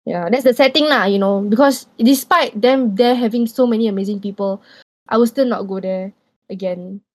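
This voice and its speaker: A woman's voice: medium pitch, moderate pace, darkish tone, no room sound. A young woman in her twenties with a Singaporean English accent, telling a story in a loose, rambling way on a casual podcast.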